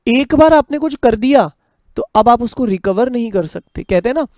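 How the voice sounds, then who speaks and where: A man teaching a commerce lecture, explaining in Hindi mixed with English, reading the text aloud slowly and asking rhetorical questions. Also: very high-pitched, lively intonation, a little mellow, no room sound, clean studio sound. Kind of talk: classroom lecture.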